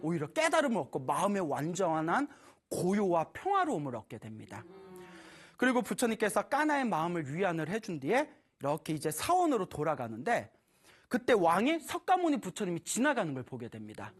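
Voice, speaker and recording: A Buddhist preacher telling a temple story in a lively, animated way, laughing often while speaking to an audience. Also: medium pitch, a little fast, slightly rough. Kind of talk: storytelling dharma talk.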